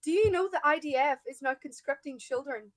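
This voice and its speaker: A young woman with an Irish accent argues her side bluntly and emphatically, often tripping over her words as she pushes on. Her voice sits high, and the recording is dry and close, with no room sound. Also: brisk, no echo, low-quality recording. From Ireland. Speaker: guest debater. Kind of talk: heated debate.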